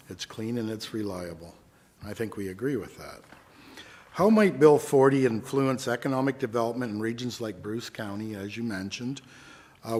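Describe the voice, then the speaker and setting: A man asking questions at a legislative committee hearing in a plainspoken, folksy way. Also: lowish voice. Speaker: committee member. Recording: long reverb in a hearing room.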